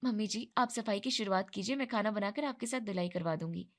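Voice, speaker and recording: A woman's voice: medium pitch, brisk, natural voice. A woman voicing a tired, put-upon young wife who sounds weary and resentful, in a storybook narration.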